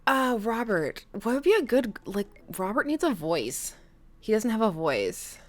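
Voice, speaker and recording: A young woman with a fairly high, unhurried voice full of big pitch swings streams a dating game. Giggly and chatty, she laughs often between lines, asks her viewers questions and reads the game text aloud in casual let's-play fashion.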